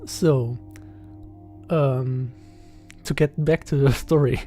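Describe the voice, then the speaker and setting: A young man in his twenties with a German accent, talking casually in a podcast-style voiceover, hesitant and halting with many fillers and soft chuckles. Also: medium pitch, fairly even intonation, faint music behind. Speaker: channel host. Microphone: voiceover recorded separately.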